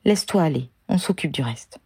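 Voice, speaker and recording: A woman reading the lines of a calm, caring young male wizard in an audiobook, speaking in a reassuring way. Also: sits low, fairly quick, creaky, breathy edge, no room sound, clean studio sound, full character voice.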